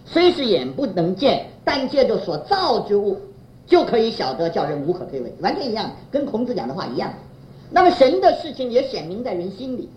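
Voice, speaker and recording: Woman preacher, lively sermon delivery, prompts the congregation with fill-in questions; echoey room. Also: medium pitch, slight background noise. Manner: chuckles while telling anecdotes. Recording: roomy, dull lo-fi recording.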